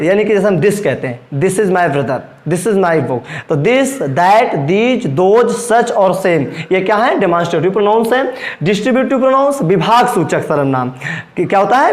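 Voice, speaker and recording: Echoey Hindi-accented male grammar teacher. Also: high voice. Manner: asks questions and answers them himself, repeats terms. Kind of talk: classroom lecture. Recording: echoey room.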